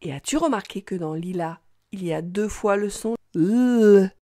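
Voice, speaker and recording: A woman teaching young children to read, talking slowly in an exaggerated, sing-song way. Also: fairly low pitch, darkish tone, no room sound, clean studio sound. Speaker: reading teacher. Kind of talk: children's reading lesson.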